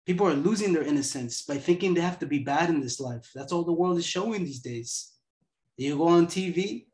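A man's voice: fairly high pitch, a little mellow, echoey room. A man in his twenties giving a casual motivational talk as host, laid-back and profane. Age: 20s.

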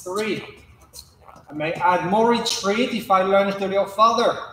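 A young man, a coach, giving calm, measured step-by-step instruction while demonstrating exercises in a large indoor hall. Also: high-pitched. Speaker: fencing coach. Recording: echoey gym hall, faint background noise.

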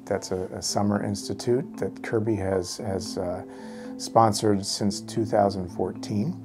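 A middle-aged man answering interview questions in an office, halting with many fillers and restarts. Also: fairly low pitch, steady tone. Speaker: university fundraiser interviewee. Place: office indoors. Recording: background music.

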